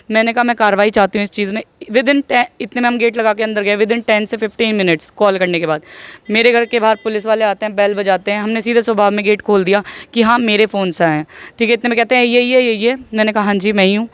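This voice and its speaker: A young woman gives her side of events in an interview, insisting and indignant as she tells it. Her voice is smooth and clear. The sound is dry and close. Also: medium pitch, no room sound. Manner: emphatic, indignant storytelling. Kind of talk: recounting an incident in an interview.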